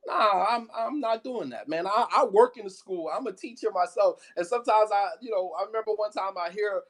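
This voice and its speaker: An American man who teaches Islamic studies delivers an impassioned, emphatic talk in a high voice at a fairly quick pace. He keeps repeating his points and checking whether you follow, sprinkling in "you know what I mean."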